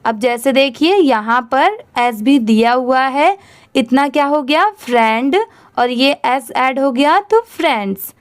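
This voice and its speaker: Indian woman as reading teacher: high, smooth voice, unhurried letter-by-letter spelling, quizzes then answers herself. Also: lively intonation. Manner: spells words letter by letter, then asks and answers how to pronounce them. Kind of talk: slow spelling-out reading lesson.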